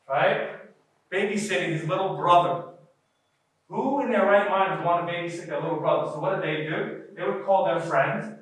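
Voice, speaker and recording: A man with a fairly high voice leads a workshop, talking in a loose, conversational way and often checking in with his listeners. He sounds distant from the mic, and the room rings with strong echo. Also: a bit bright. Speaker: workshop presenter. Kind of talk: live workshop talk.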